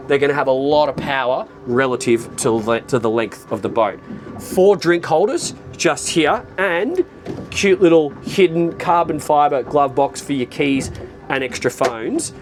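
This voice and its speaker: A man giving a casual, upbeat guided tour, chatty and pointing out features as he goes, outdoors on a boat in an open bay, now and then clearing his throat. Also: a little high, lively intonation, unhurried, soft background music. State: occasional throat clearing after a recent flu. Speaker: boat reviewer presenting a walkthrough.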